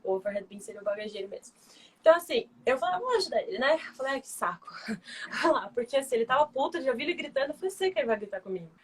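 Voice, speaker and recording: A young woman talks quickly, in a high voice, through her lively stories. She acts out the people she quotes. It is a relaxed, casual chat. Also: slightly rough. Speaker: former flight attendant, guest.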